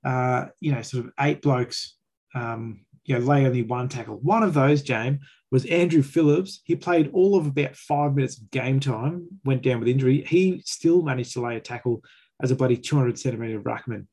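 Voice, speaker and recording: A man's voice: mid-range voice, moderate pace, a little mellow, husky. An Australian man hosting a fan sports chat, giving critical, emphatic opinions in colloquial language. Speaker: fan podcast host.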